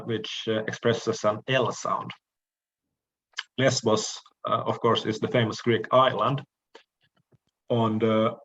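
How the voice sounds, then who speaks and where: A man delivering a recorded lecture in a slow, deliberate way, often stopping on hesitant fillers. His voice sits a little low, and the recording sounds dull and lo-fi. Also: fairly bright tone. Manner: measured, frequent "uh" pauses, occasional throat clearing.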